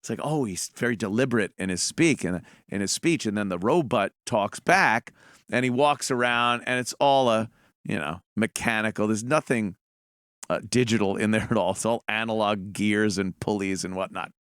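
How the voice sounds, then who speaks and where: A man's voice: lowish voice, normal speed, fairly bright tone, dry recording, studio quality. A man hosting a show, rambling with sarcastic asides. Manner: rambling, sarcastic, frequent fillers. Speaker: show host. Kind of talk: casual commentary.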